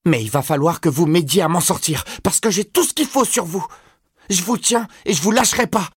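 Un homme qui joue un adolescent furieux et paniqué, d'une voix aiguë et venimeuse, dans un livre audio. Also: male voice, fairly quick, husky, no room sound, studio quality. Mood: furious. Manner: shrill, shouting, venomous. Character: frantic furious teenage boy.

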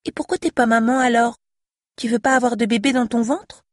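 A woman's voice: fairly even intonation, a little fast, no echo, studio quality, close to an everyday voice. Woman doing a chatty five-year-old girl. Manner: high, pleading childlike voice.

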